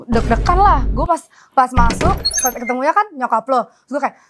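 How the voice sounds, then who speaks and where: A young woman, chatting casually as a guest and telling stories with lively acted-out quotes. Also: sits high, normal speed, background noise. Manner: animated storyteller, acts out quotes. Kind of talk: casual chat.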